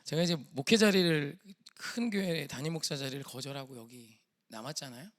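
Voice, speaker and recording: A man's voice: on the high side, a little fast, a bit bright. A male pastor preaching a sermon, impassioned and rising to pleading cries.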